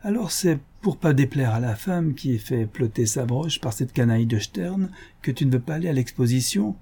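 A man's voice: medium pitch, lively intonation, moderate pace, dark tone, slightly rough. A man doing a cheeky, slangy Parisian coquette. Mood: mocking. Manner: teasing, slangy, laughing. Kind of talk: audiobook character voice.

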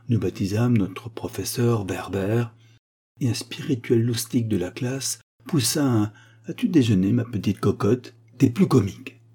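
A man narrating a literary story as an audiobook, in a measured, expressive storytelling manner with a husky voice. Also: on the low side.

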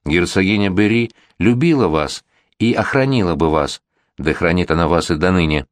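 A man's voice: low-pitched, normal speed, no echo, natural voice. A man voicing a worldly, flirtatious middle-aged prince regent in a gallant, insistent manner. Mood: earnest.

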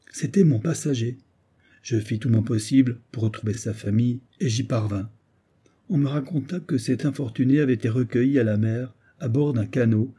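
A man's voice: mid-range voice, dark tone, breathy edge, lightly acted. A man voicing a weathered male sea captain who grimly recounts an eerie tale from his voyages. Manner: grave, storytelling. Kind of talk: scripted narration of a classic story.

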